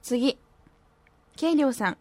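With lively intonation and a darkish tone, this woman's high voice moves at a measured pace. She hosts a radio show, chatting casually, reading listener posts with a slight lilt, and playfully mocking herself with silly voices.

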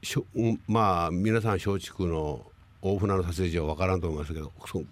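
A man's voice: deep voice, fairly quick. A man in his late fifties with a Hakata accent, hosting a radio show and telling a rambling anecdote in casual dialect. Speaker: radio host.

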